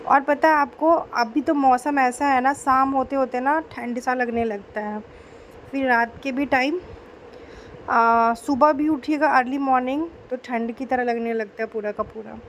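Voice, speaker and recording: Young female home vlogger, sore throat, gentle chatty voice-over, faint background hiss. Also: sits high, fairly even intonation, unhurried. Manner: chatty, homely, mixes in English words. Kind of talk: casual voice-over narration.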